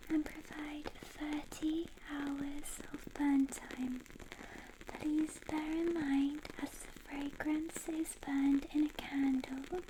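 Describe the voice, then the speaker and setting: A woman in a whispered role-play as a personal shopper, softly and gently presenting products in a breathy whisper. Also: high-pitched, background noise.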